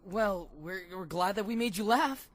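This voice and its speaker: A woman's voice: mid-range voice, animated, moderate pace, close to an everyday voice. A woman voicing a cheerful, easygoing young man with an upbeat, innocent way of talking.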